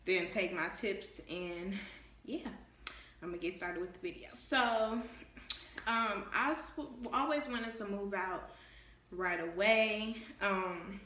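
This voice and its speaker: A woman's voice: mid-range voice, takes it slowly, pushed and bright, roomy sound, a little hiss or hum. A young woman of about nineteen giving candid, chatty advice in a casual vlog, talking straight to her viewers. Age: young adult, about 19. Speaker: vlogger.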